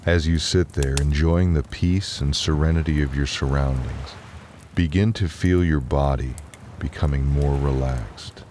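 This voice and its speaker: Very deep, slow, soothing male bedtime narrator. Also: a little hiss or hum. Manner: soothing, calm, unhurried. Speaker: relaxation narrator and storyteller. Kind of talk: slow guided relaxation and bedtime story narration.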